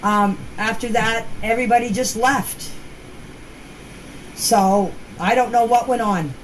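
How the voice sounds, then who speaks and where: An older woman with a fairly high voice takes her time recounting events informally, repeating herself and hesitating as though giving her personal account. The clip is a noisy, amateur phone voice message.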